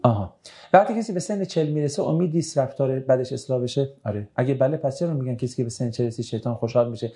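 Brisk male religious teacher, mellow tone. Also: medium pitch. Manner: brisk, conversational, with dry joking asides. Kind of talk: reading out and answering audience questions.

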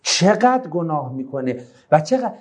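High-voiced, animated male sermon teacher. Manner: animated, swings between soft asides and raised exclamations; recites Arabic verses then explains them. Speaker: religious teacher. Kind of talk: Quranic lesson sermon to a class.

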